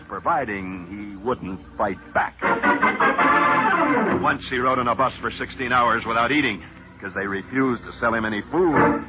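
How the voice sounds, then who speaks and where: A man narrates an old radio newsreel in the grand 1940s manner, his voice leaping up and down as he builds each story. The sound is muffled and old, and loud music plays behind him. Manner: theatrical storytelling with sweeping pitch swings. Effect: old radio newsreel broadcast. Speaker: sports broadcaster.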